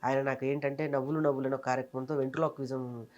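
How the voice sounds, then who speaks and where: Fast-talking man telling his story. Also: mid-range voice, little pitch movement, darkish tone, highs cut off. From Telangana, India. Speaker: interviewee, comedian and mimicry artist. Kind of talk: casual interview storytelling.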